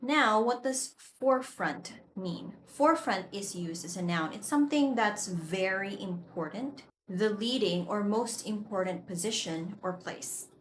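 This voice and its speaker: Woman teaching English words slowly and clearly. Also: medium pitch, animated. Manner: clear, deliberate explaining. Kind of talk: vocabulary lesson. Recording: echoey room with faint noise.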